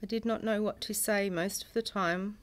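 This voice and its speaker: A middle-aged woman, a bereaved mother reading a prepared personal statement in a solemn, measured way, in grief. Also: mid-range voice, fairly even intonation. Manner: solemn, measured delivery in short phrases. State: grieving.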